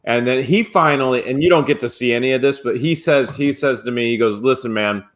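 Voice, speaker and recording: Male streamer, casual storyteller, middle pitch, slips into quoted voices. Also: a little fast. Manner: animated storyteller, acts out quotes. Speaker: flipping channel host. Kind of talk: casual live-stream chat.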